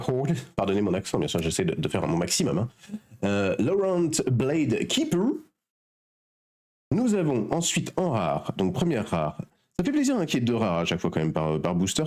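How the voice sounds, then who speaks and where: A man's voice: medium pitch, darkish tone. A man hosting a pack-opening show, chatting casually with many fillers as he shows each card. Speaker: host.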